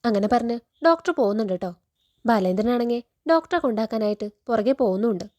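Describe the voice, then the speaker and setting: A woman with a Kerala Malayalam accent tells a TV serial's story in a rapid, chatty flow. Her voice sits a little high but sounds mellow and soft. She tags friendly particles onto her sentences as she narrates. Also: expressive.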